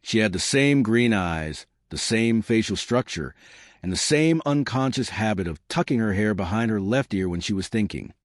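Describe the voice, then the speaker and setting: A man giving measured scripted narration of a true story. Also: lowish voice, animated, dry recording, clean studio sound.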